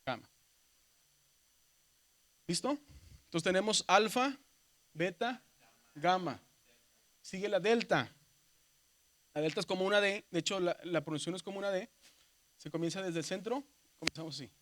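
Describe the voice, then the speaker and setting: A man teaches a classroom of seminary students. He walks them slowly through the Greek alphabet, checking in with them again and again and naming each letter aloud. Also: high-pitched, fairly bright tone. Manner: patient, repeats "¿verdad?" and spells letters aloud; addresses students as brothers. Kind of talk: classroom lesson.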